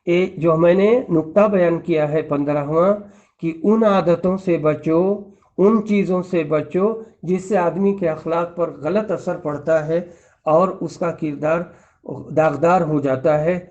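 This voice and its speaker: A man's voice: fairly high pitch, a little mellow. A man giving an Islamic lecture, earnest and admonishing, working through numbered points and repeating lists. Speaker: Islamic preacher. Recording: dull lo-fi recording.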